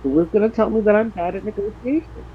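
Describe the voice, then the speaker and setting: A man's voice: sits high, quick pace, slight background noise. A man voicing a touchy, sarcastic young male adventurer who rambles in a tabletop role-play, on dull lo-fi audio.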